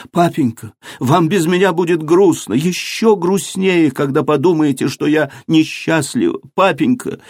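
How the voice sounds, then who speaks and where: A man's voice: medium pitch, mellow, no room sound, clean studio sound, pitched above the performer's own voice. Man voicing a desperate young noblewoman. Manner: tearful, pleading, rising to a cry. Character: young noblewoman pleading with her father, desperate.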